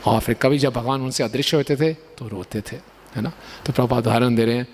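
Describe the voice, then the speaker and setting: A man's voice: medium pitch, fairly quick, darkish tone. A man giving a sermon, explaining and telling stories, often checking in with rhetorical tag questions. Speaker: preacher.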